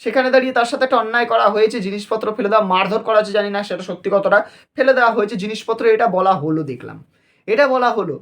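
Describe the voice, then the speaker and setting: A man's voice: high voice, fast talker, a bit bright. A man hosting a commentary channel, reacting indignantly and asking one rhetorical question after another. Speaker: channel host. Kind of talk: news commentary video.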